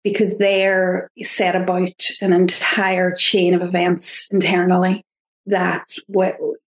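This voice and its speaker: A woman with an Irish accent, a podcast guest talking in an earnest, halting way with frequent restarts. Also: fairly low pitch, flat delivery. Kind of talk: reflective interview talk. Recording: roomy echo.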